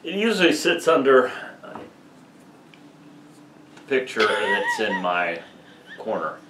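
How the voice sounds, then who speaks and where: A man's voice: medium pitch, wildly swooping pitch, takes it slowly, roomy sound, recorded from a distance, heavy background noise. A man, a pastor, giving a short, easygoing sermon message outdoors. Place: outdoors on a porch or dock.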